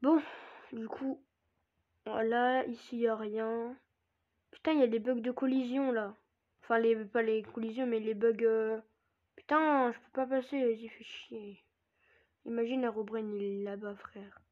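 A woman's voice: fairly high pitch, steady tone, measured pace. A woman giving a casual gameplay tutorial, hesitant with many fillers and frequent swearing. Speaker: gaming YouTuber. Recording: dull lo-fi recording.

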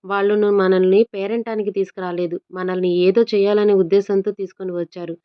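A woman's voice: medium pitch, little pitch movement, a little fast, clean tone, close to an everyday voice. A woman voicing a bold, outspoken young woman who talks in threats, on a dull lo-fi recording. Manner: brash, threatening.

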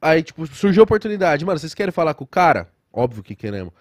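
A man telling stories as a podcast guest in casual chat, animated and full of slang. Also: on the high side, fast talker, no room sound, clean studio sound. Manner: animated storyteller, heavy slang.

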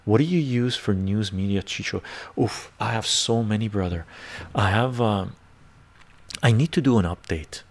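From a home study lined with bookshelves, an older man, born in Iran and raised in western Canada, hosts a laid-back live stream on a lapel mic and reads the chat. His fairly low voice moves at a moderate pace, emphatic and dotted with "right?", occasionally dropping to a soft whisper.

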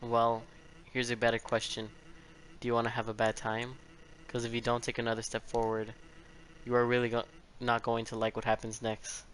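A man's voice: mid-range voice, monotone, moderate pace, fairly bright tone, slight background noise, natural voice, low-quality recording. A man voicing a laid-back but threatening skeleton, reading game dialogue in a casual, understated way. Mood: quietly threatening.

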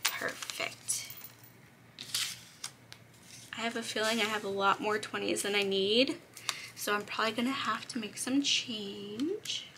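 A woman's voice: mid-range voice, fairly even intonation, moderate pace, noisy background. A young woman with a slightly cracking voice chats casually as she counts cash aloud for a budgeting vlog. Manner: chatty, counts bills aloud, light laughs. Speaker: budgeting vlogger.

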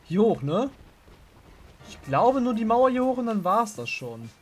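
High-voiced man doing casual let's play. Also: big pitch swings, a little slow. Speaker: gamer commenting on his play. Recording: game music behind the voice. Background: video game music.

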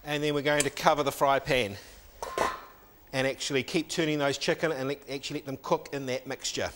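A middle-aged chef in a teaching kitchen talks through each step of a recipe as he cooks, picked up by a lapel mic. His voice sits at a medium pitch with a flat delivery and a slightly fast pace, against a noisy background.

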